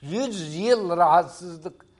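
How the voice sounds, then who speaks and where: A man's voice: sits high, animated, very slow, a little mellow. Emphatic lecturing professor, man. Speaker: professor as studio guest. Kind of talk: explanatory talk-show discussion.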